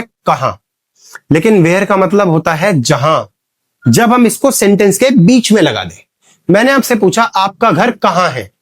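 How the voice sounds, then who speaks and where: In a classroom lesson, a high-pitched man with an Indian accent teaches English grammar. He explains in Hindi, offers English examples, and quizzes his students along the way.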